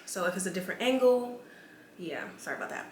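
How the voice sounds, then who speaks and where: This twentysomething vlogger is expressive and quick-paced, her medium-pitched voice chatting candidly to the camera with plenty of "like." Captured on a camera mic, the audio is roomy, with faint ambience and slight background noise.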